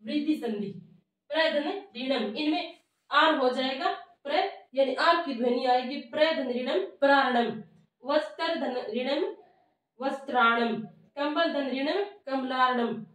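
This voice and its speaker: A woman with a high voice teaches a grammar lesson, slowly repeating each term as if she were dictating it. She sounds set back from the mic in a strongly echoing room. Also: a bit bright. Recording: echoey room, voice from far off.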